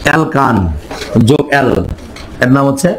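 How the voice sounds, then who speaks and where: A man's voice: medium pitch, fairly even intonation, normal speed, background noise. A man teaching a chemistry class, lecturing and firing repeated questions at his students.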